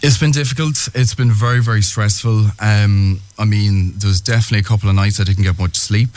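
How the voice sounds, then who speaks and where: A man giving a personal account as a radio interview guest, speaking earnestly with halting, hesitant phrasing. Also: on the low side, fairly even intonation, a little mellow, dry recording. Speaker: interviewed guest, small business owner.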